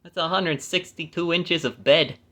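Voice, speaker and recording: A man's voice: a little high, a little slow, a bit bright. A man reading scripture aloud and breaking off for chatty, self-mocking asides, correcting his own stumbles. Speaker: Bible reader.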